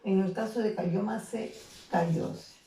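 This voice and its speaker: A woman teaching a grammar lesson to secondary students, with a mellow, gravelly voice. She explains patiently and keeps checking in with short tag questions. The sound is roomy and echoing, with her voice set back from the mic. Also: mid-range voice, steady tone, takes it slowly, recorded from a distance. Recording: echoey room, voice off the mic.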